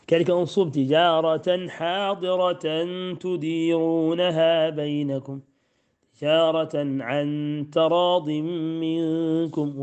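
Mellow-voiced man teaching recitation. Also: a little high, highs cut off. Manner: recites verses slowly, then explains quickly; repeats words to demonstrate pronunciation. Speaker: teacher of Quran recitation readings. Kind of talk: recitation lesson.

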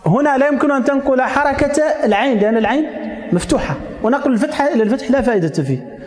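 High-voiced man teaching in an echoey hall. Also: expressive, rapid-fire, darkish tone. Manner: explains step by step, checks understanding with questions. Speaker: teacher of Arabic grammar. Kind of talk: classroom lecture.

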